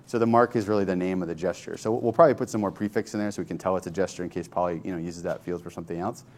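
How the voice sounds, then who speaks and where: Deep-voiced man walking through a demo. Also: steady tone, racing. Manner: thinking aloud, loose and conversational. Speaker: software developer demoing a tool. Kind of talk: informal screen-share tech demo.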